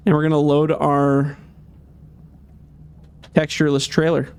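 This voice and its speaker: A man giving casual gameplay commentary as a game modder, chatty and thinking aloud with many fillers, slightly hoarse. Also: on the high side, completely flat delivery, a little slow.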